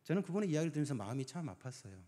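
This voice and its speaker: Man preaching with a lively pitch. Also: very fast. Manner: swings between hushed near-whispers and loud emphasis, many rhetorical questions. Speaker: pastor. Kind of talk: sermon.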